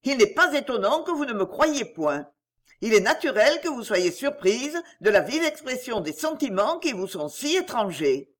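A woman's voice: fairly high pitch, sing-song, moderate pace, pitched above the performer's own voice. A woman voicing a proud, volatile aristocratic lady in an audiobook, speaking vehemently and passionately. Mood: bitter.

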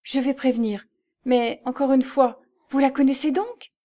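A woman's voice: sits high, steady tone, moderate pace, warm tone, pitched above the performer's own voice, lightly acted. A woman voicing a flustered elderly widow who talks urgently and out of breath, in an audiobook.

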